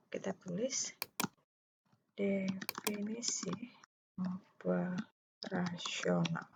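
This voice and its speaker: Female software instructor, creaky, dictating haltingly while demonstrating; noisy recording with typing and clicks. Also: on the low side. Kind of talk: software tutorial, step-by-step. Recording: muffled lo-fi mic, clear background noise. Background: keyboard typing and mouse clicks.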